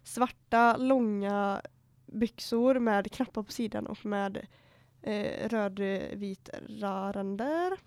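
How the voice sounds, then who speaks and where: A woman's voice: mid-range voice, few pauses, darkish tone, clear, resonant tone, dry recording. A young woman co-hosting a podcast, chatting casually and laughing as she retells what happened. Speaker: podcast host. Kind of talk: casual chat.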